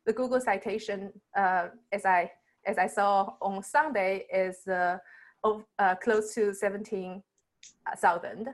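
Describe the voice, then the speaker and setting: Casting: female webinar host, mid-pitched, loose and filler-heavy, speaking over a video call. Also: fairly even intonation, measured pace. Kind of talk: introducing a guest in a webinar.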